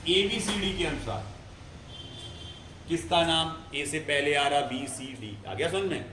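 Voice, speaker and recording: A man's voice: a little high, unhurried, bright, forceful tone, a little hiss or hum. A male chemistry teacher giving a classroom lecture, explaining step by step and often checking whether students follow. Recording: echoey room, faint ambience.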